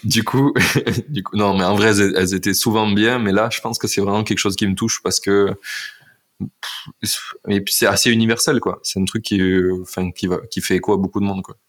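Male podcast host, very low voice, loose and rambling. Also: steady tone, a little fast. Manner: rambling, many fillers and restarts. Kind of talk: casual interview chat.

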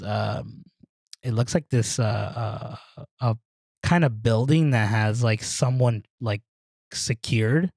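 A man co-hosting a podcast, chatting casually and excitedly with a lot of fillers. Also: medium pitch, no echo, clean studio sound. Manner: excitable, rambling, many fillers. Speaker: podcast co-host. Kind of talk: casual chat.

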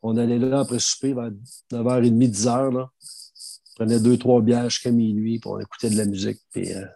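A man's voice: medium pitch, a little fast, vocal fry, dry recording. A middle-aged man with a Quebec French accent telling anecdotes in casual, slangy conversation. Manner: animated anecdotal storytelling with slang. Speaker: storyteller guest sharing anecdotes. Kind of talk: casual chat.

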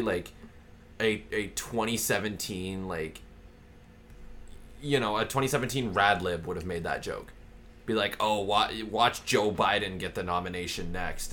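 A man's voice: on the low side, a bit bright, a little hiss or hum. A man co-hosting a casual political podcast, rambling with many fillers and restarts, sarcastic and profane. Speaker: podcast co-host.

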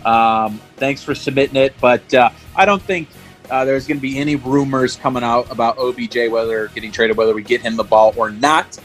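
A young man co-hosting a sports podcast, joking and hyping up the callers' takes. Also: mid-range voice. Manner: hyped, playful banter. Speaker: podcast co-host. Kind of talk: casual sports podcast chat.

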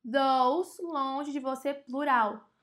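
High and a bit bright, this woman's voice carries a Brazilian Portuguese accent as she gives a casual online English lesson. She's chatty, addresses her audience directly much of the time, and slows her pace to spell out and repeat example words.

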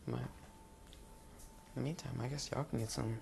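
A man's voice: medium pitch, moderate pace, creaky. A young man hosts a casual late-night solo podcast from his bed, rambling in a sleepy, dry voice. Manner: rambling, relaxed, sleepy, lots of fillers. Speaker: podcast host. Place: bedroom, sitting on his bed. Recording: faint hiss in the background.

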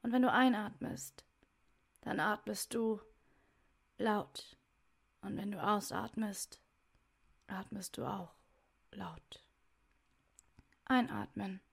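A woman leading a guided meditation in a soft, soothing voice, giving measured instructions in short phrases that sometimes trail toward a whisper. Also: medium pitch. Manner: soft, soothing delivery with breathy, near-whispered phrase endings.

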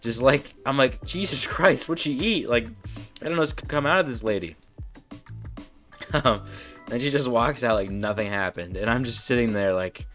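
A man's voice: mid-range voice, normal speed, long pauses, a bit bright, soft background music. A young man hosting a podcast, rambling through a casual monologue, often breaking off and laughing at himself. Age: young adult. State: burping, hiccups. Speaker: podcast host.

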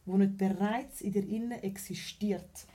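A woman with a Swiss German accent talks as a guest on a casual podcast. She explains her thoughts earnestly, step by step, at a middle pitch. Her voice is warm and mellow. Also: fairly even intonation, moderate pace.

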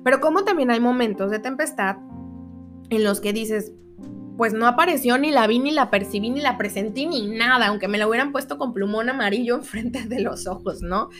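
A woman's voice: a little high, brisk, over music. Chatty Mexican woman telling a story. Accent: Mexican Spanish. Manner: chatty, animated retelling with frequent tag questions and self-corrections. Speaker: podcast host. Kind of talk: casual spiritual storytelling.

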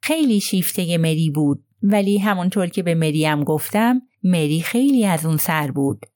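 A woman's voice: lowish voice, lively intonation, darkish tone, no echo, clean studio sound, lightly acted. A woman voicing a gossipy middle-aged nurse who talks in a hesitant, confiding way.

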